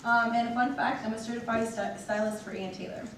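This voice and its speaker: Introducing herself as a student nominee, a cheerful woman in her twenties from Venezuela speaks fairly quickly in a steady, somewhat high voice. The recording is noisy and distant, with the echo of a big meeting hall.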